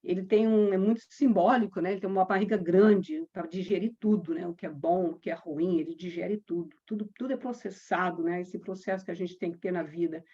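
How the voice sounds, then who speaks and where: A woman from Brazil, a yoga teacher, telling a personal story with quoted dialogue and slow chanted mantras. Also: on the low side, fairly even intonation, mellow, husky. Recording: dull lo-fi sound.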